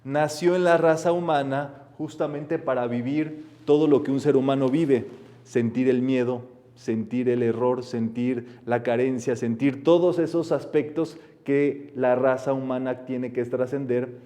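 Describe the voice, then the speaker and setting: A man's voice: mid-range voice, steady tone, a little slow, dark tone. A man, giving an earnest spiritual Bible lecture and leading a group in affirmations. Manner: earnest and explanatory. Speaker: spiritual teacher.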